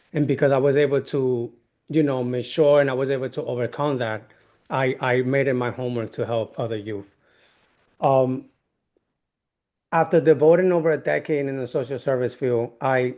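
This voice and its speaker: A man from New York with a Dominican accent, a guest in an interview, speaking earnestly with halting restarts. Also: mid-range voice, darkish tone. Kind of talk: interview conversation.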